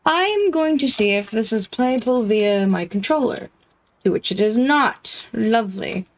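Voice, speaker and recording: Playing a game, a woman streamer keeps up casual, wry self-talk in let's-play style. Her voice sits on the high side, animated and a little slow, and the rough recording has a faint hiss or hum.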